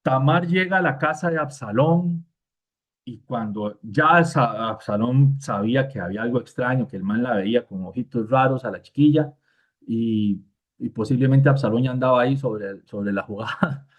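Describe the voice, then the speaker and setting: A man giving a conversational Bible lesson in an informal manner. He fills pauses with "este" and briefly acts out the lines he quotes. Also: mid-range voice. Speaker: Bible teacher. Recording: tinny phone-like sound.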